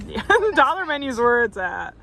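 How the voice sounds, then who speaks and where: A woman's voice: sits high, very animated, normal speed, creaky, pushed and bright. A woman vlogging in casual, chatty conversation. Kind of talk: casual vlog chat. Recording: very noisy handheld vlog audio.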